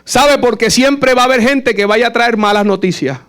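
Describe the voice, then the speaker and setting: A man's voice: very high-pitched, normal speed, fairly bright tone. A man preaching at a Bible study, earnest and emphatic, repeating phrases to drive each point home. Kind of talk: sermon.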